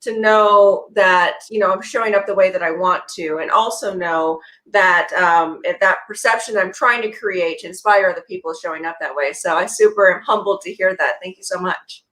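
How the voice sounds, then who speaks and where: A woman's voice: fairly low pitch, normal speed, few pauses, fairly bright tone, rough recording. Casting note: woman guest, motivational speaker, upbeat and polished, heard over a video call. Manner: upbeat, polished self-help phrasing. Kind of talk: casual interview chat.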